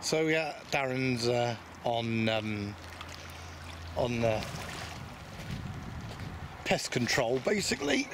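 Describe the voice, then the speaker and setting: Angler behind the camera, teasing banter, lakeside noise. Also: male voice, medium pitch, sing-song, slow pace, pauses often. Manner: joking, teasing, swears freely. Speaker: angler filming his friend. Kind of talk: casual banter while filming. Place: lakeside outdoors. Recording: outdoor ambience and water noise.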